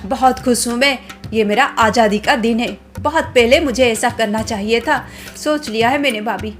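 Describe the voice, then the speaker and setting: A woman's voice: on the high side, natural voice. A woman voicing a rebellious young bride-to-be who speaks indignantly and outspokenly.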